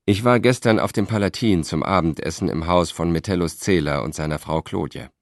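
A man voicing a sly, well-connected Roman gentleman in an audiobook, chatty and confiding. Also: deep voice, brisk, no room sound, clean studio sound.

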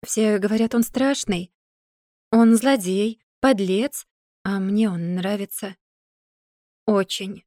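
A woman's voice: medium pitch, steady tone, slow pace, long pauses, mellow, dry recording, studio quality, close to an everyday voice. A woman voicing a cheeky, stubborn young woman who argues insistently and teases in a storybook reading. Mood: wistful. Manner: teasing, insistent.

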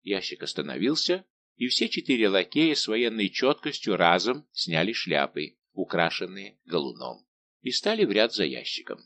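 Expressive male audiobook narrator. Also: low voice, normal speed, creaky. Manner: expressive storytelling.

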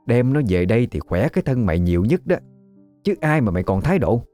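A man's voice: deep voice, lively intonation, normal speed, dark tone, faint music behind. A man voicing a scheming, domineering older village woman in a spoken ghost story. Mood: scolding.

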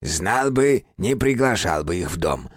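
A man voicing a grumpy, shaggy male house spirit with a creaky, grumbling voice. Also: low-pitched, big pitch swings, a little slow, no echo, clean studio sound, heavily acted. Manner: grumbling, irritable.

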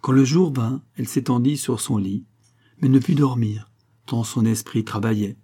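A man reads a novel aloud in a steady, measured way. His voice is dark and mellow, with a husky grain, at a middle pitch. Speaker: audiobook narrator. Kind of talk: scripted narration.

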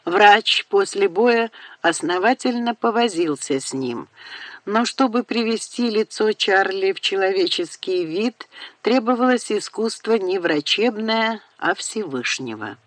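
A woman narrating an audiobook in a measured, unhurried way, recorded on a close studio mic. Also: medium pitch, animated, dry recording.

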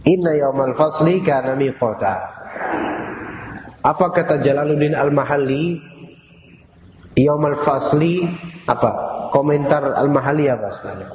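A man's voice: a little high, measured pace, pauses often. Man teaching a Quran class in an echoey hall. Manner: teasing, quizzing students directly; mixes Arabic phrases into casual talk. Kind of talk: informal Quran study class. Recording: echoey hall, dull lo-fi, audible room noise.

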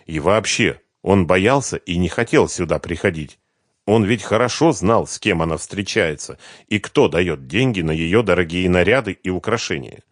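Male narrator, low, lively reading, dry close studio sound. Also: normal speed, dry recording. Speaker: audiobook reader. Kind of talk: scripted audiobook narration.

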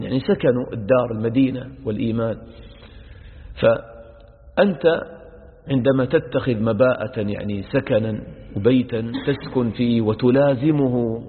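A male sheikh gives a religious lesson on Quran verses. He repeats each verse phrase and explains it word by word, and he speaks to his listeners as brothers. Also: mid-range voice. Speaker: sheikh teaching Quran exegesis. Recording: echoey hall over a narrow phone-like line.

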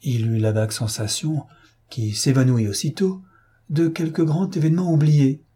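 Dark, husky male audiobook narrator. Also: on the high side, fairly even intonation. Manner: measured, dramatic storytelling. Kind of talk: scripted literary narration.

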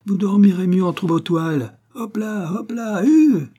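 A man voicing a rough, blunt male cab driver who bellows coarse remarks in a storybook reading. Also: mid-range voice, normal speed, dark tone, voice pushed up, natural voice. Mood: bellowing.

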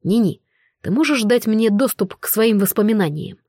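A woman reading the lines of a protective, self-assured male dragon duke in an audiobook, in a smooth, earnest manner. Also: a little high, expressive, normal speed, mellow, no echo, studio quality. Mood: explaining.

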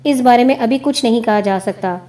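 A woman reading the lines of a calm senior male lawyer with a dry, teasing wit, in a measured way. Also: on the high side, close to an everyday voice.

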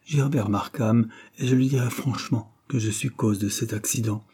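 A man reading aloud and voicing a patient governess who reproves the children calmly. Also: medium pitch, moderate pace, slightly rough, natural voice. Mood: reproving. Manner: calm, reproving. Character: patient young female governess, gently moralizing.

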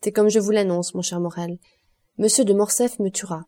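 A grave nobleman who speaks of his own death with calm resignation, read by a woman. His speech is measured and unhurried. The tone stays mellow and soft throughout the audiobook. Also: mid-range voice, lightly acted. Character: grave, fatalistic nobleman count.

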